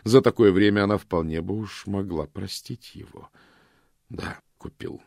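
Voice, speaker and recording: A man narrating an audiobook in a steady, measured storytelling manner. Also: fairly low pitch, creaky, no echo, clean studio sound. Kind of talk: scripted narration.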